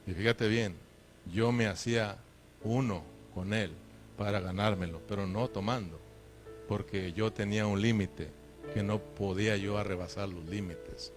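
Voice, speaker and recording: A man's voice: on the low side, steady tone, measured pace, music in the background. A man preaching a sermon as pastor. He is emphatic, keeps calling his listeners brother, and asks them rhetorical questions. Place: church.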